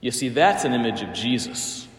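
A man's voice: mid-range voice, sing-song, normal speed. A man preaching a sermon as a priest, telling a story with emphatic phrasing in a church. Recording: echoey church with long reverb.

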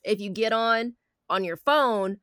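Bright, blunt woman co-host. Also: fairly high pitch, a little slow, dry recording, studio quality. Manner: blunt, swears freely. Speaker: podcast co-host. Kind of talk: casual chat.

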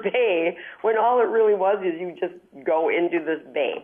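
Upbeat woman talking on a speakerphone. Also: on the low side. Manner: chatty, upbeat, explains at length. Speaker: travel show host. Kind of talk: call-in radio advice. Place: hotel room far from studio, calling in. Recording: tinny speakerphone line.

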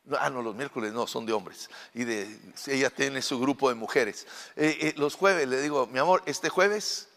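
A middle-aged man preaching a sermon as pastor, shifting from soft asides to loud proclaiming, with fillers and repeated words. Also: medium pitch, moderate pace, hardly any pauses, big-room sound.

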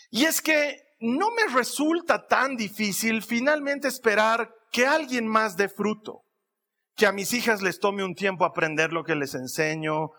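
High, gravelly-voiced pastor. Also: male voice, sharp tone, big-room sound. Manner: intimate, confessional, conversational with asides. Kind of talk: reflective sermon talk.

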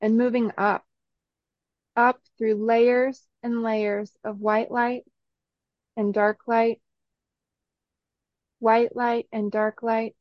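Speaking very slowly in a slightly high, level voice, a woman leads a meditation with short, soothing instructions separated by long pauses. The recording is dry and a little dull, with no echo.

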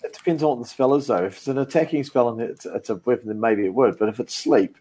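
A man's voice: medium pitch, fast, mellow. A man playing a tabletop game, chatting casually with the other players. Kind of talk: casual chat. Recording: clear background noise with clicks.

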